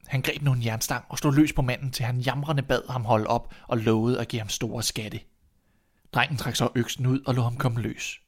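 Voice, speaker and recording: Calm man reading a fairy tale. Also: mid-range voice. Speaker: narrator. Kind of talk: storybook reading.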